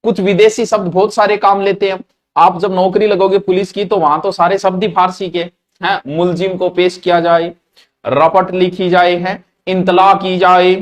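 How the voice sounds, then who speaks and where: A man with a Marwari accent teaching a grammar class, mixing in local words and asking questions that he then answers himself. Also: high-pitched. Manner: mixes Marwari words into Hindi, asks questions and answers them.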